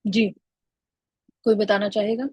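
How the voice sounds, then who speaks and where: A woman's voice: medium pitch, little pitch movement, takes it slowly, slightly rough, no echo, low-quality recording. A woman teaching an Arabic grammar lesson online over a video call, patiently calling on students by name.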